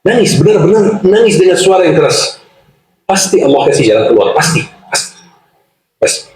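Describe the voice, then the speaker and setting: Male preacher, earnest religious lecture, emphatic repetition, booming echo, faint background noise. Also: big pitch swings, a little fast, a little mellow. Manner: earnest, emphatic, repeats key words. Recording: echoey hall.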